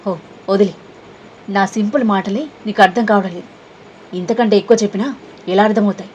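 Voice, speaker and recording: A woman's voice: medium pitch, fairly even intonation, fairly quick, highs cut off, slight background noise, natural voice. Woman voicing a defiant scolding young woman. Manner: sharp scolding tone.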